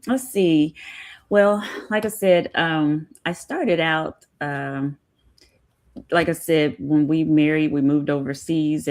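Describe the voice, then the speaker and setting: A woman's voice: deep voice, a little mellow. A woman, a military spouse and former teacher, talking in an earnest, reflective way with frequent hesitations. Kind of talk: casual chat.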